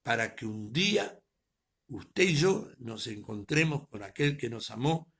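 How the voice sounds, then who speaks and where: A man preaching, his voice heavily gravelly and husky. He swells to loud, emphatic peaks, then lets words drop to a near murmur. His pitch sits in an ordinary middle range. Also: very animated, unhurried. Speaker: pastor. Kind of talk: sermon. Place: preaching to an online audience.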